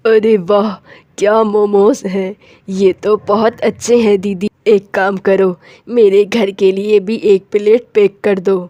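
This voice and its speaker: A chatty, cheerful village man from a cartoon, voiced by a woman. The voice is mid-pitched and mellow. The recording is dry. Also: level tone, takes it slowly, no room sound, lo-fi sound, lightly acted.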